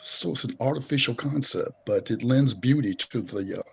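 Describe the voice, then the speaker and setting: A man leading a group discussion, speaking thoughtfully and pausing often with fillers. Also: medium pitch, expressive, vocal fry, breathy edge. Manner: thoughtful, halting with many fillers. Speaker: discussion host.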